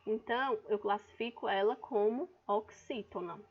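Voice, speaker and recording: A woman's voice: mid-range voice, normal speed, husky. A woman teacher with a Brazilian Portuguese accent gives an online class, explaining patiently and calling out words to stress their syllables. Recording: dull lo-fi recording.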